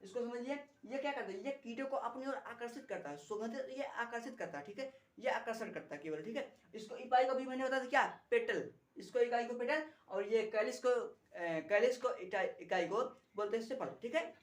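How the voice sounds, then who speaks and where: A woman's voice: a little high, a little fast. A woman teaching a biology lesson, repeating key terms and asking rhetorical questions as she explains a diagram. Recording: echoey room.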